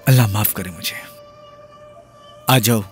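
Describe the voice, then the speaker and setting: A man's voice: on the low side, measured pace, soft background music, lightly acted. A man dubbing a film role, a young man in love who speaks in an earnest, pleading way. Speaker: dub actor.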